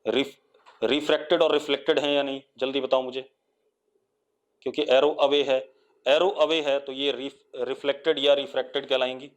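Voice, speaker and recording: Speaking in a level tone from a mid-range voice, a man with an Indian accent leads a live online physics lesson. He repeatedly questions his students to draw them out, waits for their answers, and dictates definitions in English slowly, word by word.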